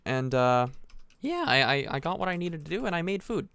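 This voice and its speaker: Rambling teen boy with smooth dry voice. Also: on the high side, big pitch swings, a little fast, bright, forceful tone, dry recording. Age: teens. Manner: rambling, self-interrupting, frequent restarts. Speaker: gaming commentator. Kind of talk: casual storytelling over gameplay.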